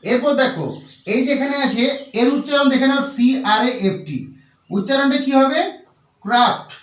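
High-voiced man teaching slowly, echoey room. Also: fairly bright tone, far from the mic. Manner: slow, repetitive, spelling words out letter by letter. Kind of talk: Bengali-language English vocabulary lesson.

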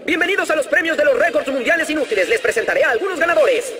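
High-pitched brash cartoon awards announcer. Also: male voice, lively intonation, very fast, noisy background. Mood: excited, showy. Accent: Latin American. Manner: loud announcing, showman-like. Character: brash, showy record-awards master of ceremonies. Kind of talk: cartoon dub.

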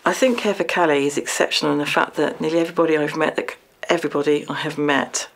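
Low-voiced woman briefing volunteers. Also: fast, low-quality recording. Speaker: volunteer coordinator. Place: large warehouse.

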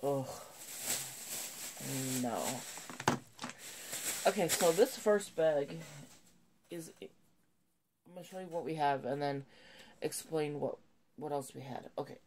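In a deep voice, slow and marked by long pauses, a woman vlogger displays items at her home table for a casual haul chat. There's background noise, and a cold makes her sound slightly nasal as she rambles chattily and corrects herself.

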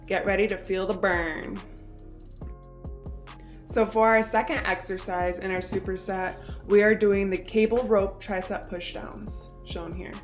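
A bubbly young woman in her twenties talks through her gym plan like a friend, recorded on a phone held at arm's length. Her pitch sits mid-range and her delivery is chatty and upbeat. Soft music plays faintly underneath. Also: roomy sound. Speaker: fitness vlogger. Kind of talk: upbeat workout vlog and exercise instruction. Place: home, then car, then voice-over on gym clips. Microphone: phone camera at arm's length.

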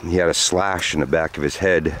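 Man in his forties, extremely low voice, loose rambling storyteller, outdoor walk, faint background hiss. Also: steady tone, a little fast. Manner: rambling, loose with many fillers. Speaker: vlogger. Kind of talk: walking storytelling vlog. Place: outdoors on sandy trails by woods.

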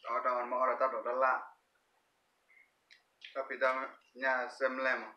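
A man's voice: mid-range voice, completely flat delivery, measured pace, sharp tone, recorded from a distance. Man talking while chewing, echoey. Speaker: eating show host. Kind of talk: casual chat while eating. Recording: echoey room, off-mic, dull sound.

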